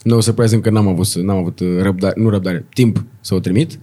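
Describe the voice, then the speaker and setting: A man's voice: lowish voice, steady tone, warm tone. A man who plays drums in a band, chatting casually and telling jokey stories as a guest. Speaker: band drummer. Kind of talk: casual chat.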